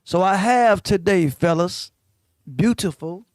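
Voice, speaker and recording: A man hosting a radio show in casual interview chat, loud and joking. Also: high voice, slow, no room sound, studio quality. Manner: loud, joking, Southern US slang.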